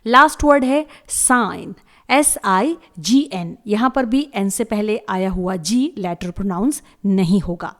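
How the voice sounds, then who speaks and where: A woman teaching a slide lesson, reading out rules slowly and spelling each word letter by letter. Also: mid-range voice, expressive. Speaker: English teacher.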